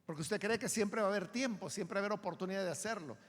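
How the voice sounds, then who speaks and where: A man's voice: high voice, racing, long reverb tail. A Salvadoran pastor teaching a Bible study sermon in a church. He explains emphatically and often asks listeners to agree. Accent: Salvadoran Spanish.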